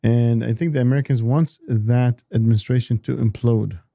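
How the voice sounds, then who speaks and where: Casual: gravelly low-toned guy riffing on politics, lots of stops and restarts, super dry mic. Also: fairly even intonation, dark tone, no echo. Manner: halting, many repeated words and restarts. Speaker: political analyst guest.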